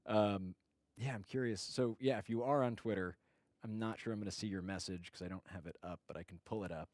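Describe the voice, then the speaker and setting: A man with a lowish voice hosts a casual livestream chat at a brisk pace, with no echo in the recording. He warmly greets viewers by name and rambles, full of fillers and restarts.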